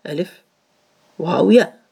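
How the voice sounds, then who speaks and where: A man's voice: high-pitched, normal speed, creaky, warm tone, slightly rough. A man teaching a grammar lesson to students, patiently repeating each rule and asking them questions.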